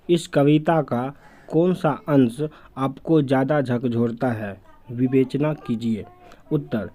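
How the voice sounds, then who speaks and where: A male teacher slowly reading textbook questions and answers aloud, measured like dictation. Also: mid-range voice, mellow. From India.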